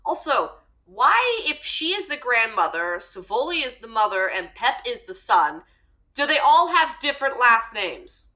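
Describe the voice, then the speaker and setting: A woman's voice: fairly high pitch, sing-song, measured pace, pushed and bright, poor audio. A young woman streaming a game and chatting casually, blunt and swearing, laughing often. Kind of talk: casual gaming commentary.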